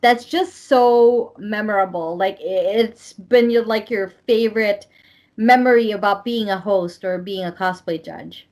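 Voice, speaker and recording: A woman's voice: medium pitch, unhurried, darkish tone. A woman hosting a casual interview, laughing often and getting emotional with her guest. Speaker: interviewer and show host.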